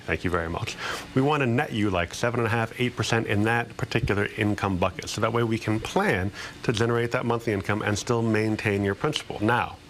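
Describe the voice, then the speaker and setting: A man speaking as a financial planner guest, explaining and pitching in an informal, plain-spoken, conversational way. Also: fairly bright tone, slight background noise.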